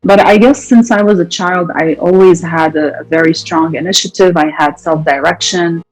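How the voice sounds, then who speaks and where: A woman from Lebanon, in her thirties, answering interview questions in long, measured, articulate sentences. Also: deep voice, poor audio. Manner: articulate, measured, speaks in long listed phrases. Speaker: interview guest, entrepreneur.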